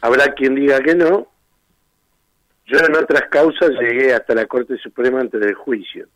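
A man's voice: mid-range voice, measured pace, fairly bright tone, no room sound, poor audio. A man with an Argentine Spanish accent, a defense lawyer arguing his case insistently in a radio interview, firing off rhetorical questions.

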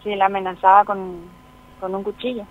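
A mother calling in to a radio interview, speaking quietly and haltingly, repeating herself as she recounts events. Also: medium pitch, flat delivery. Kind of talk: emotional phone-in testimony. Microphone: telephone. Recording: tinny phone line, faint noise.

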